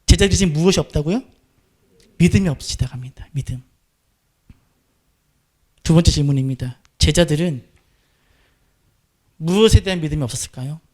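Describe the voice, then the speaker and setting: A man's voice: on the high side, a little mellow. A middle-aged man preaching a sermon, putting questions to the congregation and answering them himself in a dramatic, conversational way. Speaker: pastor.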